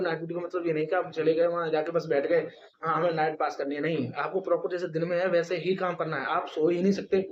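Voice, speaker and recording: Give me a man talking fast and blunt about a hard job, repeating his warnings. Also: fairly high pitch, muffled recording. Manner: blunt, repetitive warnings, many fillers. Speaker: former station master giving career advice. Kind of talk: casual spoken advice to viewers.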